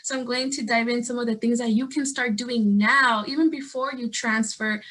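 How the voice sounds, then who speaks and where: Speaking at a normal pace with a steady, slightly bright and fairly high voice, a young community organizer from Guatemala gives an earnest video-call presentation as a guest speaker. She works statewide, and her delivery includes frequent fillers and false starts.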